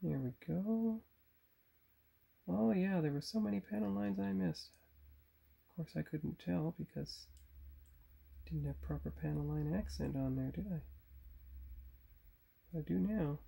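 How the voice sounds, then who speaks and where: Unhurried and pausing often, a man speaks in a slightly high, mellow voice that is gravelly and a bit rough. This model builder and channel host talks to viewers while painting at his workbench, chatty and self-correcting as he thinks aloud. A tripod-mounted phone camera records him.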